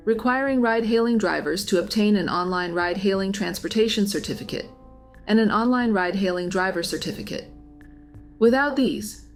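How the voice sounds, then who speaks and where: Female documentary narrator, scripted news-story delivery, medium pitch, light music bed underneath.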